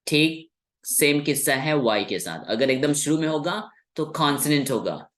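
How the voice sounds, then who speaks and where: A man whose first language is Hindi teaches English sounds with an animated, fairly high-pitched, fairly bright voice. His explanation is patient and classroom-like, and he slowly repeats key words.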